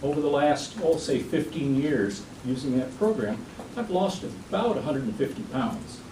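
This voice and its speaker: Male podium speaker, mid-pitched, informal and wryly humorous, echoey noisy room recording. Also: animated, normal speed, mellow. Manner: informal, self-deprecating humour. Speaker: club member giving a prepared speech. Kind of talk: podium speech to an audience. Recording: echoey room, distant mic, clear background noise.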